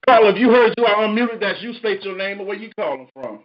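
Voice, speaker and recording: A man's voice: high voice, animated, fast, dull audio. A man hosting a casual call-in show, talking in laid-back, profane slang. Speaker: radio show host.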